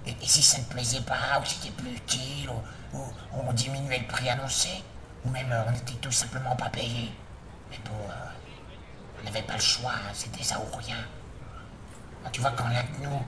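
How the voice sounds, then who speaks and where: A man giving an informal spoken testimony as an anonymous witness, in a hesitant, halting way. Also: mid-range voice. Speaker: anonymous witness, former freelance worker. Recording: roomy echo, distant mic, clear background noise.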